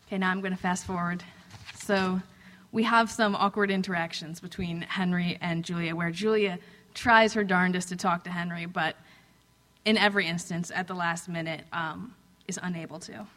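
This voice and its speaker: A woman reading fiction aloud to a live audience, measured and unhurried, with soft "um"s in her asides between passages. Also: on the low side, steady tone. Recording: long hall reverb.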